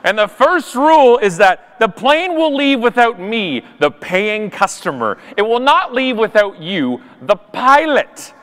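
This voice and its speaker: A man's voice: very high voice, sing-song, a little slow, few pauses, a bit bright. A man from Canada giving a comedic storytelling talk on a live event stage, exaggerated and full of sarcastic asides and mock voices. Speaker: conference speaker.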